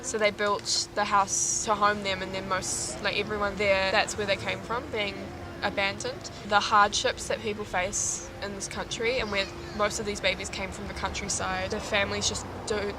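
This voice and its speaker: A young New Zealand woman talks to camera as a volunteer, earnest and chatty. Her voice sits at a middling pitch. Loud noise runs under her speech. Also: little pitch movement, moderate pace, hardly any pauses. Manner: earnest, chatty, uses "like" often. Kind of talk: casual talk to camera.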